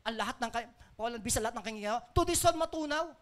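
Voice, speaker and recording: A pastor from the Philippines preaching a Sunday sermon, swinging between soft asides and loud declarations, mixing in English phrases and chuckling between points. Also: mid-range voice, expressive, racing. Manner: mixes English phrases into the talk.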